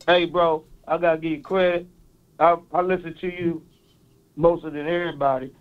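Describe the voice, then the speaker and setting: A man's voice: fairly high pitch, level tone, normal speed, clean tone, lo-fi sound. A man from East Saint Louis with a local accent, calling into a sports show and earnestly reeling off stats. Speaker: caller. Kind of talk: call-in sports talk.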